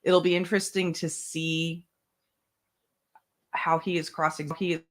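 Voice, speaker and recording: A livestream host commenting casually on a trial, halting and full of fillers, with the hiccups. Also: medium pitch, level tone. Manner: halting, filler-heavy, many restarts. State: has the hiccups. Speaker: trial-watching stream host. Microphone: streaming mic.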